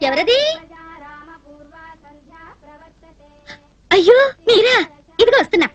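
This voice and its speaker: A simple, emotional young bride-to-be in a film comedy. Her very high voice runs fast in a pleading sing-song, recorded dry and close. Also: animated, dry recording, highs cut off. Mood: eager. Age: young adult. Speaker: film character. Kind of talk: dubbed film comedy acting.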